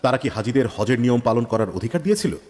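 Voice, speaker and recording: A man's voice: medium pitch, lively intonation, fast talker, a little mellow, lightly acted. A man voicing a loyal, devout male companion in a dubbed drama, speaking earnestly and solemnly. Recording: long reverb.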